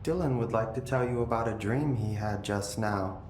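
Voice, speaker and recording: A male actor with a natural voice plays a possessed, eerily calm brother in dramatic video game acting, narrating slowly and deliberately with lingering pauses. His telling is detached, dreamy and menacing, recorded in an echoey room with a noticeable low rumbling noise.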